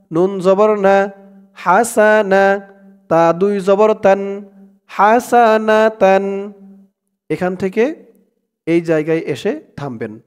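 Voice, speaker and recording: A man's voice: high-pitched, clean tone. A Bangladeshi-accented man teaching a prayer by spelling it out letter by letter and drawing out the recited words. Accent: Bangladeshi Bengali. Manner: drawn-out chanted recitation between quick explanations. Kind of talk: slow spelled-out recitation lesson.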